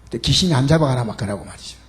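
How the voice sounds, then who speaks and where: An older man preaching a Sunday sermon as pastor, emphatic and animated, calling out to the congregation and mixing in humorous asides. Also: mid-range voice, very fast. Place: church sanctuary.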